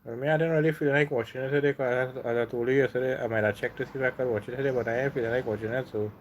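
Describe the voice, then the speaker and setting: A relaxed Trinidadian man hosts a casual livestream, chatting easily and reading viewers' comments aloud. His voice sits at an ordinary middle pitch for a man. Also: racing, highs cut off, slight background noise. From Trinidad and Tobago. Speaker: livestream host.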